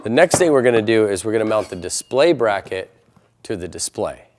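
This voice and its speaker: Over some background noise, a man with a lowish voice and lively intonation talks fairly quickly through an installation tutorial. He's methodical and plainspoken, explaining every step in turn.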